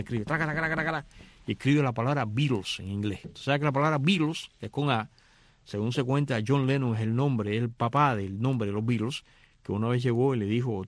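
A middle-aged radio host casually retells the story of a film, animatedly acting out the characters' lines. His voice sits in the mid range, and there's no room sound.

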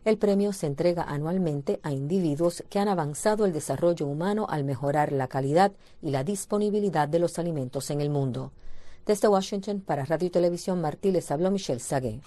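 A woman correspondent reading a news report on the radio in a measured, even way. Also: deep voice.

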